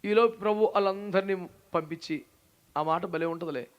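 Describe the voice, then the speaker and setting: A man preaching a sermon. He talks in a lively, teasing way and often acts out the people in his story. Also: high-pitched, moderate pace, clean tone, dull audio. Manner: animated, teasing, acts out quoted voices. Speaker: pastor.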